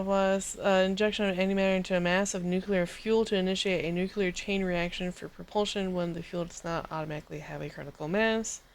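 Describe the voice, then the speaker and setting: A woman streamer giving casual gaming commentary, swearing freely and reacting with excitable disbelief. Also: mid-range voice.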